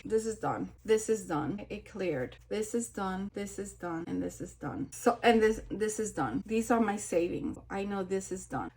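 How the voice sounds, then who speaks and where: Chatty woman walking through her budget. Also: fairly high pitch. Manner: chatty, repeats phrases, laughs at herself. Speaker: budgeting vlogger. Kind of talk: casual talk while filling out budget sheets.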